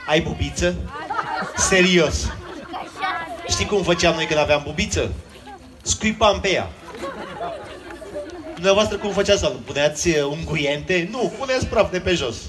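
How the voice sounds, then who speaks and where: A male children's magician spins a comic tale to a live crowd, playful and teasing. His slightly high voice swoops up and down. The stage mic picks up a noisy crowd behind him. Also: expressive, long pauses. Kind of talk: live comedic storytelling to a crowd. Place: outdoor stage at a water park.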